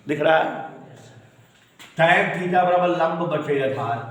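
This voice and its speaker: A man teaching a physics lesson in a classroom, working through equations and often asking the students questions. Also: on the high side. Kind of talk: classroom lecture at a board. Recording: echoey classroom with long reverb.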